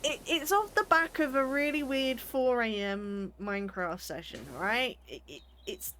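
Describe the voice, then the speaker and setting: A woman's voice: fairly high pitch, a little slow, fairly bright tone, slight background noise. Chatty British woman streamer, teasing. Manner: chatty, teasing, laughs often, stumbles and repeats words. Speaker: game streamer. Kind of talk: casual chat while gaming, reading chat.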